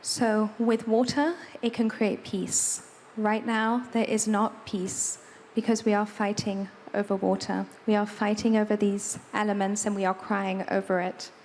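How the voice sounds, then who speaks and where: Woman interpreter, flat steady delivery, faint background noise. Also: medium pitch, measured pace. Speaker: moderator and interpreter. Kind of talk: live interpretation on a panel. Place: large hall at an event.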